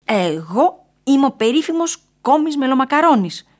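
A woman's voice: sing-song, darkish tone. A woman voicing a boastful, spiteful male count made of honey cake who whines and shrieks, in a storybook reading. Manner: whiny and shrill.

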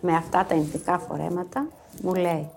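A woman in her fifties, a former social worker, telling a personal story to an audience in a lively, animated way. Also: lowish voice, gravelly. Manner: lively, animated, acts out quoted voices.

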